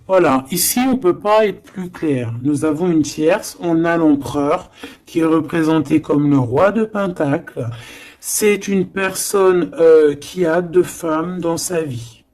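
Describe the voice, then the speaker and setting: A woman's voice: deep voice, darkish tone. A woman giving a tarot card reading, chatty and emphatic, with frequent hesitations and asides. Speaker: tarot reader.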